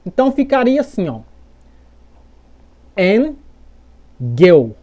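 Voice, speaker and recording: A woman's voice: fairly low pitch, lively intonation, normal speed, warm tone. A Brazilian woman teaching English pronunciation in a patient explanatory way, repeating examples and checking in often. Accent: Brazilian Portuguese. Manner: patient, repeats examples, keeps asking "beleza?". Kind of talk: explanatory lesson.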